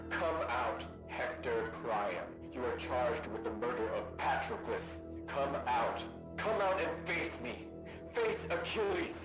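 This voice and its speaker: A man doing a hard-edged warrior agent who barks orders at hiding fugitives through a megaphone, each command clipped and commanding. His amplified voice rings around an echoey space. Loud music pounds underneath him. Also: medium pitch.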